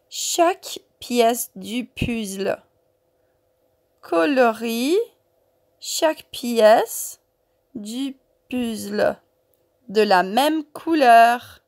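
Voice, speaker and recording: A woman teaching a workbook lesson to young children, speaking slowly, repeating words and syllables and checking in with "ok?". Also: fairly high pitch, gravelly.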